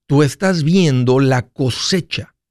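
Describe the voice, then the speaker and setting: A man's voice: medium pitch, slow, darkish tone, dry recording, clean studio sound. A man hosting a casual monologue, playful and jokey, often restarting mid-phrase. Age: 40s. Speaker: radio finance host.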